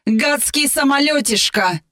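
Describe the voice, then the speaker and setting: A man voicing Iby, a female AI assistant who speaks in a flat, informational way. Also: very high-pitched, unhurried, pitched above the performer's own voice, heavily acted. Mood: flustered. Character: calm female AI assistant, matter-of-fact.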